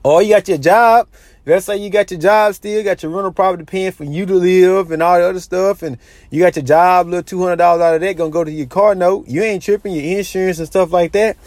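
A man's voice: high-pitched, steady tone, brisk, a little mellow, dry recording. A man giving casual, lecturing money advice, repeating his points and checking in with his listeners. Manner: repetitive, lecturing, says "you know what I'm saying" a lot.

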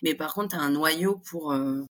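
A young Frenchwoman talking as a guest in a relaxed interview, chatty and full of fillers. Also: sits low, unhurried. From France. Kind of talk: casual interview conversation.

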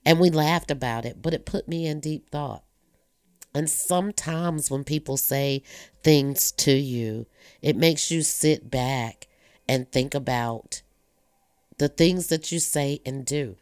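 A woman's voice: deep voice, slow, darkish tone, no room sound, studio quality. A woman in her fifties giving a candid, earnest monologue as she reflects on her family and faith. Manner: talkative, earnest and personal. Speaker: blogger sharing personal reflections.

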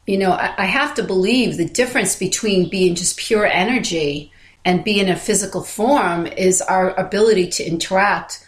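A woman co-host talks in a roomy, echoing space. Her delivery is reflective and casual, feeling its way forward with halting, repeated phrases. Her pitch sits in an ordinary female range. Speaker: podcast co-host. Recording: roomy, echoey sound.

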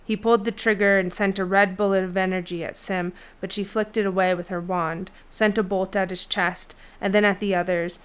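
A woman narrating a fantasy novel chapter in a steady storytelling read. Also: medium pitch, a little fast, hardly any pauses, clean tone. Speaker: audiobook narrator. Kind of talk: scripted fiction narration.

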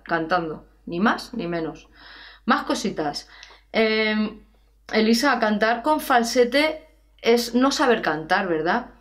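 Lively singing teacher woman. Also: medium pitch. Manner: lively, chatty, animated with playful examples and laughs. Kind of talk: answering viewer questions.

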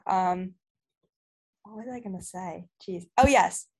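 A woman's voice: lowish voice, takes it slowly, husky. A woman co-hosting a podcast, rambling with lots of "like" and "um" and teasing her friends. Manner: rambling, filler-heavy, joking. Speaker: podcast co-host. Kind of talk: casual podcast chat.

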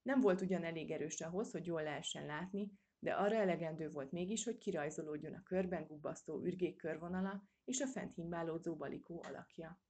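Woman, audiobook narrator, storybook reading, husky, lowish, steady. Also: few pauses. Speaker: audiobook reader.

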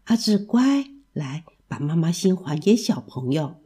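A woman's voice: fairly high pitch, lively intonation, a little fast, breathy edge. A woman voicing a kind, patient male schoolteacher in a storybook. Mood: gentle. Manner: gentle, patient.

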